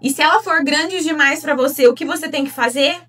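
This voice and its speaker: A woman's voice: sits high, fairly quick, fairly bright tone. A Brazilian woman, a relationship therapist, giving an earnest teaching talk and asking her listeners direct questions. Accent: Brazilian Portuguese. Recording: voice a bit distant from the mic.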